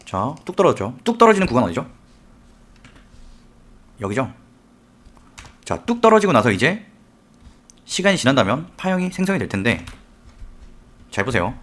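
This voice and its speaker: A man teaching a software tutorial step by step, often asking the viewer questions as he works. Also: mid-range voice, big pitch swings, moderate pace, pauses often. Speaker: software instructor. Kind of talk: screen-recorded tutorial.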